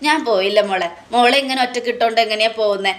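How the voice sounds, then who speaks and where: A woman reading the lines of a kindly, devoted middle-aged housemaid who talks gently and affectionately. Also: fairly high pitch, fast, natural voice. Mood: tender.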